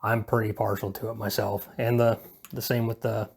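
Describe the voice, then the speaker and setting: Low, gravelly, flat-toned casual man. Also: normal speed. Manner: hesitant, self-deprecating, laid-back. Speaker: video presenter giving a hobby how-to. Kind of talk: casual rambling unscripted how-to talk. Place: indoors at home.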